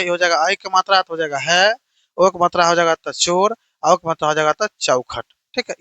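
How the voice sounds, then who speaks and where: High, bright-voiced male teacher. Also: dry recording. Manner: repetitive, keeps checking "theek hai na"; asks and answers his own questions. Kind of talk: exam-prep grammar lesson.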